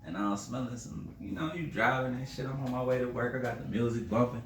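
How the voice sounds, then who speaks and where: A man co-hosting a podcast, telling a story in animated, profane casual chat. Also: medium pitch, fast talker. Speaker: podcast co-host. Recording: echoey room, distant mic, faint noise.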